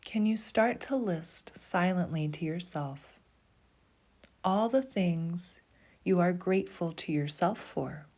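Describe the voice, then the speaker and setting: Guiding a meditation, a woman speaks in a low, mellow voice that stays dark and warm. Her pace is slow, soothing and even, and she often drops into a breathy half-whisper.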